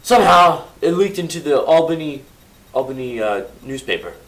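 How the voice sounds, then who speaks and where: A man tells a history lesson in a casual, playful way, his slightly high voice swinging widely up and down. He breaks into loud theatrical bursts and corrects himself with joking asides. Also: animated, moderate pace, rough recording. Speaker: history presenter.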